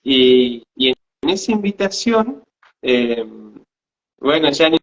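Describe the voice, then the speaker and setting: A man's voice: mid-range voice, very animated, takes it slowly, a bit bright. A man, co-hosting and telling a personal spiritual story hesitantly, often repeating words. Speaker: podcast co-host. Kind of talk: casual spiritual storytelling chat. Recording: slightly dull lo-fi sound.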